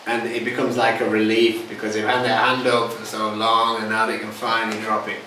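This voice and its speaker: A hypnotherapy instructor teaches informally and fields questions, his phrasing loose and hesitant. His voice is on the low side, monotone, brisk, pushed and bright. He's caught on a distant mic in a reverberant, echoey, noisy room.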